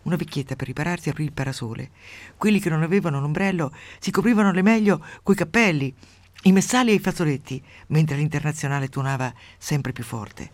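A woman radio host reading a literary passage aloud with dramatic swings from hushed to loud, then chatting with a guest. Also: deep voice, no echo.

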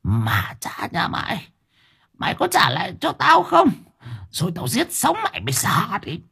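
A man voicing a crazed, ravenous old grandmother who screeches curses in a raspy, cracking voice. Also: extremely high pitch, very animated, bright, forceful tone, pitched above the performer's own voice, heavily acted. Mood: screaming rage. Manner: screeching curses, drawn-out wails.

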